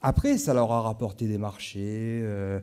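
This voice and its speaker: A man's voice: fairly low pitch, normal speed, warm tone, clean tone. A man from Marseille with a Marseille accent, giving a conference talk in a conversational way and making frequent asides to the audience. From Marseille, France. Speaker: conference speaker. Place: conference hall.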